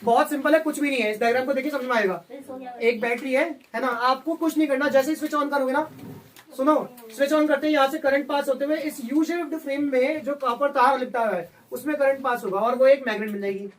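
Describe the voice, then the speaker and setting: Lively classroom teacher, man, off-mic. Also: very high voice, brisk. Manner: lively, keeps checking if students understand; mixes Hindi with English terms, jokes with class. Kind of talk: classroom lecture. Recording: voice from far off the mic.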